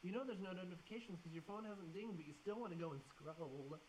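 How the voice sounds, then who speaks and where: A man's voice: sits high, quick pace, darkish tone, rough recording. A man co-hosting a podcast in casual chat, trading joking asides and reflecting at length. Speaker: podcast co-host. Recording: faint hiss.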